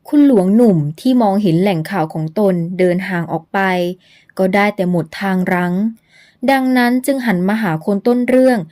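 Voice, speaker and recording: Mellow-voiced woman narrating an audio novel. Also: mid-range voice. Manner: slow, measured storytelling.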